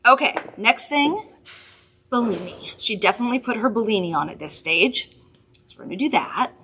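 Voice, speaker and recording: A woman's voice: fairly high pitch, lively intonation, normal speed, bright, forceful tone, a little hiss or hum. A woman hosting a weekly makeup livestream, chatting casually and giggling while she demonstrates products. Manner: chatty, giggly, rambling asides. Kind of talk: casual product demo chat.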